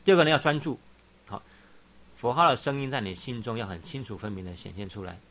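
Answering questions in a dharma talk, a middle-aged Buddhist teacher explains things patiently, dropping a "好" between points again and again. He talks fast in a mid-range, slightly bright voice.

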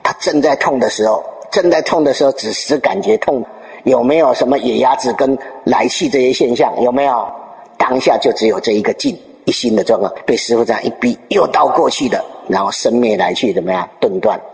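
A man giving a Buddhist dharma talk, telling a Zen story with lively storytelling and rhetorical questions to his listeners. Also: mid-range voice, a little fast, vocal fry. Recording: long reverb in a hall.

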